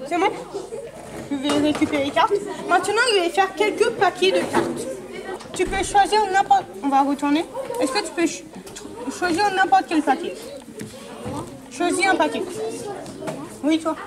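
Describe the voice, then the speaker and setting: This kids' party magician, doing card tricks, speaks at a moderate pace in a very high-pitched voice and pauses often. He guides volunteers with instructions and questions, recorded in a large indoor hall with heavy echo and crowd noise.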